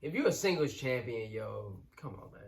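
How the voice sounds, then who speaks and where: A man's voice: medium pitch, sing-song, normal speed, gravelly, crowd noise. Man, co-host, laid-back, repeats words, casual chat. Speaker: co-host of a wrestling reaction channel.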